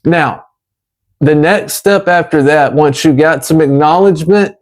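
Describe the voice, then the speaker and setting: Man, slightly high pitch, slow pace, light lisp as if wearing a retainer, earnest emphatic advocacy talk. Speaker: chronic pain patient advocate.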